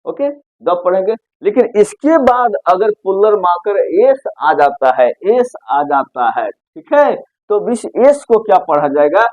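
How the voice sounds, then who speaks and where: A man's voice: sits high, very animated, slow, dry recording, lo-fi sound. A man teaching an English pronunciation lesson, spelling words letter by letter and asking questions that he answers himself. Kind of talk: Hindi-language pronunciation lesson.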